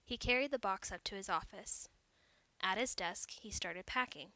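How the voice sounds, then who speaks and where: Woman, story narration, measured and clear, bright forceful voice, dry close recording. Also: medium pitch, no echo.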